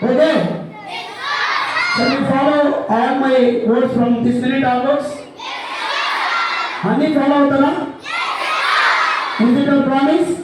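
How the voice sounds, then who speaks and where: Man, steady instructive pledge leader, flat delivery, far off, very echoey, crowd behind. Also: very high voice, extremely slow, long pauses. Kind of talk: motivational address to pupils. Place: school gathering. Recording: distant, echoey, children and noise behind.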